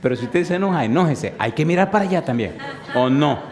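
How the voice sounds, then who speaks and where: A man's voice: a little high, expressive, fast. A man in his fifties preaching a sermon, telling stories playfully and asking the congregation questions. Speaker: pastor.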